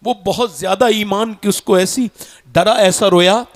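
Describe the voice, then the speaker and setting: A man preaching a sermon, swinging from shouted peaks down to low, quiet appeals. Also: unhurried. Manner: fiery, rises to shouts then drops low.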